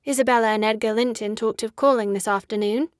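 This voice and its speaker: A woman's voice: fairly high pitch, steady tone, fast, no room sound, studio quality, lightly acted. An actress playing a petulant, haughty teenage girl in a dramatic audiobook, peevish and imperious. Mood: evasive, uneasy.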